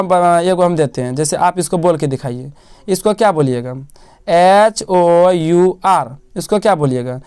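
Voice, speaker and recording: Smooth-voiced male tutor drilling grammar. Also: high voice. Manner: asks questions and answers them himself, repeating key words. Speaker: teacher. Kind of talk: classroom-style grammar lesson.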